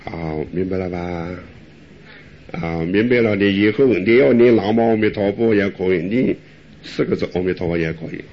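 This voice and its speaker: A man's voice: low-pitched, moderate pace, slight background noise. An older man, a Buddhist monk, giving a folksy dharma talk, answering questions with rhetorical questions and chuckles. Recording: dull lo-fi recording.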